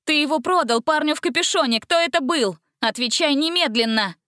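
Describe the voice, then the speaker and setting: A woman voicing a stern young female investigator who barks sharp orders in a storybook reading. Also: sits high, expressive, fairly quick, no room sound, studio quality, voice pushed up. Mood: commanding. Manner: sharp, commanding.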